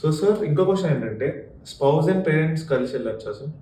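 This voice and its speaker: A man's voice: a little high, expressive, moderate pace, dark tone, distant mic. Male interviewer, polite, sir-addressing, roomy off-mic sound, faint hiss. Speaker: podcast interviewer. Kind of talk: asking interview questions.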